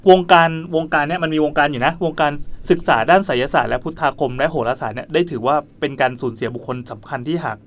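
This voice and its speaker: A man's voice: on the high side, fast talker, hardly any pauses. A man hosting a podcast, telling a story in a casual, chatty way with frequent repeated words. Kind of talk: casual group chat.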